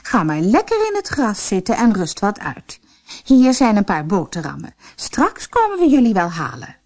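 A woman's voice: wildly swooping pitch, moderate pace. A woman voicing a cold, scheming stepmother in a storybook reading, speaking sharply and scolding. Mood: falsely sweet. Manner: sharp, scolding, higher than her narration.

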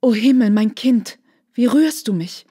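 A woman's voice: fairly high pitch, expressive, unhurried, warm tone, breathy edge. A woman playing a shocked, stern noble mother. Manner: exclaiming, indignant. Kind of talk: literary reading.

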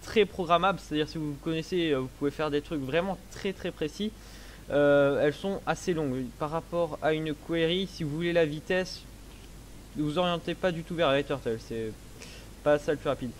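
A young man in a casual let's play, explaining his game setup slowly with many hesitations, speaking into a headset. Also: on the high side, a little hiss or hum. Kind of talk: casual gameplay commentary.

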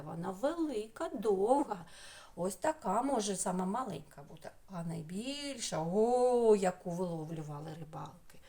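A woman teaching a remote speech lesson to young children, sounding each syllable out clearly in a coaxing way. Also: mid-range voice, darkish tone.

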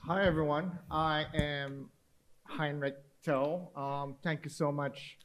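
A man, speaking as an artist on a panel on stage, measured and thoughtful with many restarts. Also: on the high side, steady tone, fairly bright tone. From Singapore. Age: 50s. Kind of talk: panel talk. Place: theater stage before an audience.

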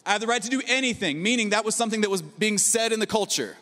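A man in his thirties preaches from a large auditorium stage, holding a handheld mic. His voice sits high for a man, and his conversational delivery is full of asides. The sound carries a long hall reverb. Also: quick pace. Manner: energetic, conversational preaching with asides and rhetorical "right?". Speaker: pastor. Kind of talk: sermon.

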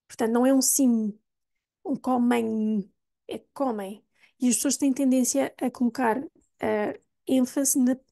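A woman with a European Portuguese accent teaching pronunciation, saying single words slowly and clearly. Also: high-pitched, mellow. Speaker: language teacher. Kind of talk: pronunciation lesson.

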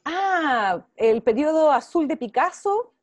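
Lively high-voiced Chilean woman teacher. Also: slow, dry recording. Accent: Chilean Spanish. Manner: encouraging, checks in often with "¿ya?". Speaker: visual arts teacher. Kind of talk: online class to young pupils. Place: home, over a video call. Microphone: video call.

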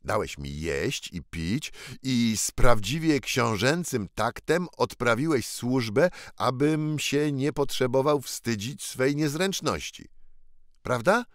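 A man voicing an eager, earnest poor boy who has been crowned by mistake, speaking with animated, pleading insistence. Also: mid-range voice, slow pace, no room sound, clean studio sound, voice pushed up.

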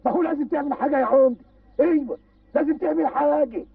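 An actor playing an excitable village man with an Egyptian accent, shouting urgently in an old film. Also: extremely high pitch, fast talker, creaky, dry recording. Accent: Egyptian Arabic. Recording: tinny, distant old film soundtrack.

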